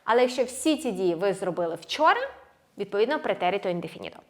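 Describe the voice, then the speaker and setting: A woman teaching Spanish grammar in a language lesson, alternating explanations with slowly drilled verb forms. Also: mid-range voice, sing-song, a little mellow. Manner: switches between Ukrainian and slow, drilled Spanish words; clear, measured explaining with stressed endings.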